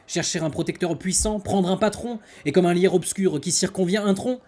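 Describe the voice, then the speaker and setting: A man's voice: high-pitched, normal speed, darkish tone, voice pushed up, close to an everyday voice. A man playing a proud, defiant poet-swordsman, declaiming theatrical verse like a hammy stage actor, scornful and exclaiming. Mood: scornful, mounting outrage.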